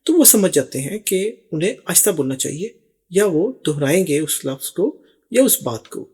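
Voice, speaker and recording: A middle-aged man giving a language lesson, slowly repeating each phrase and translating it word by word. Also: fairly high pitch, very animated, warm tone, husky. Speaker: English teacher.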